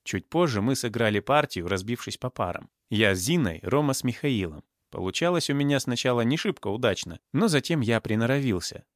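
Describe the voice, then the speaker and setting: Guy reading an audiobook, lively up and down voice, dry close sound. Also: medium pitch, no echo. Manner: lively storytelling, soft asides. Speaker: narrator. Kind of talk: audiobook narration.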